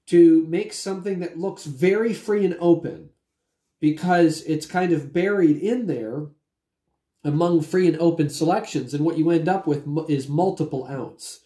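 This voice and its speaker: A man's voice: on the high side, dark tone. A man in his forties with a cold, talking casually and explaining things with a lozenge in his mouth. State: getting over a cold. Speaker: magician discussing technique. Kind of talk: casual explanatory vlog talk. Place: timber-framed dining room at home, indoors. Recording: roomy echo.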